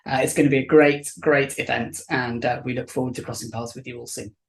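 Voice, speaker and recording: Measured speaker giving closing remarks. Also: medium pitch, fairly even intonation, gravelly. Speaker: event co-presenter. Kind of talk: closing remarks to an online audience.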